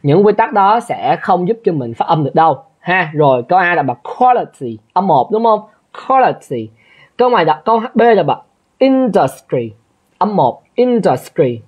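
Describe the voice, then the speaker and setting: A man's voice: sits high, sing-song, normal speed, slightly rough, dull audio. A male English teacher, going over an exam in a chatty way and often checking that listeners follow. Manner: chatty, keeps asking listeners to confirm. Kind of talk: exam review lesson.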